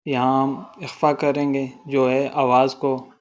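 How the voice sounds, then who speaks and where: A man with a Pakistani Urdu accent teaching Quran recitation rules, explaining quickly and then chanting verses slowly and melodically. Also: medium pitch, little pitch movement, muffled recording. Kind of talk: tajweed lesson with slow recitation.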